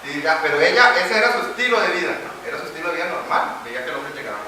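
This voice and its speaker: A man's voice: a little high, big pitch swings, fast talker, crowd noise. A man with a Costa Rican accent preaching a sermon in church, telling a story and then building to emphatic declaiming. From Costa Rica. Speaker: pastor. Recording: echoey church hall, distant mic.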